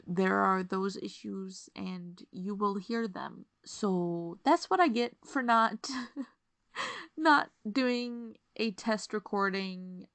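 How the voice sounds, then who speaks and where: A woman's voice: mid-range voice, vocal fry, fairly bright tone, no echo. A woman podcast host in casual chat, rambling and apologetic, laughing often, on a desk microphone that sometimes peaks. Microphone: desk podcast microphone, sometimes peaking.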